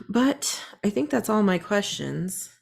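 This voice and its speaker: Gravelly-voiced woman podcast guest. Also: mid-range voice, sing-song, slow, fairly bright tone. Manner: earnest, enthusiastic. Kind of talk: casual podcast chat.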